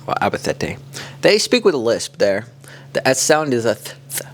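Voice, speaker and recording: Talking at a normal speed in a medium pitch, a podcast co-host from around Kansas City spins loose, relaxed stories in casual chat, scattering "like" throughout.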